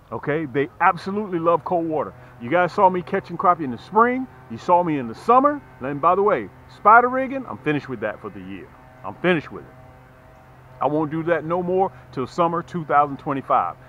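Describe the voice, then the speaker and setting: Talking straight to the camera in a casual sales pitch, a man who hosts fishing content and sells tackle uses a very animated, fairly high voice. His folksy, emphatic style leans on repetition to make his points stick, and the sound is a bit muffled with some noise behind it.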